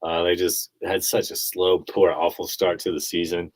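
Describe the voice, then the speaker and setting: Deep-voiced man giving blunt sports takes. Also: level tone, normal speed, dry recording, low-quality recording. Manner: blunt, opinionated, laughs at his own takes. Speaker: podcast host. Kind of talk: casual sports commentary.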